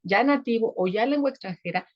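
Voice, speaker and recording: A woman's voice: fairly high pitch, lively intonation, brisk, muffled recording. A woman with a Mexican accent teaching a sociolinguistics class, explaining patiently and often checking in with tag questions. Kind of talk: online sociolinguistics lecture.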